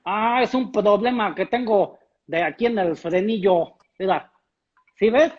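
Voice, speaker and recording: Cocky comic puppet lothario, played by a man: very high, unhurried, slangy, with an impediment on R. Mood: cheeky. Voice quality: high-pitched. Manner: cannot pronounce R, speech impediment. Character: cocky womanizing puppet character, slangy, boastful, earthy. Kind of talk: comic improvised character interview. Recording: dull lo-fi sound.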